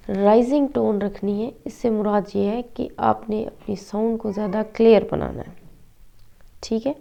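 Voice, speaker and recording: A woman's voice: fairly high pitch, vocal fry, warm tone. A woman teaching an online English lesson, explaining patiently and slipping between Hindi-Urdu and English.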